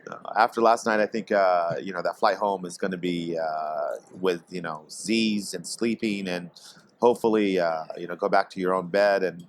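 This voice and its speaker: A man with a fairly low voice talks as a guest at a trade expo, from Portland, Oregon. He speaks haltingly, pausing and filling gaps often as he explains his business in a casual podcast chat. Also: steady tone. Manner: hesitant, many pauses and fillers. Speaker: guest, tobacco company executive.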